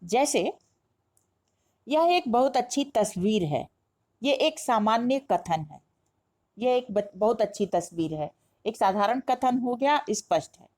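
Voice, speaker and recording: A woman's voice: fairly high pitch, lively intonation, slow, long pauses, a little mellow. A woman teaching a grammar lesson, explaining step by step and asking herself questions before answering them. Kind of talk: classroom-style lesson explanation.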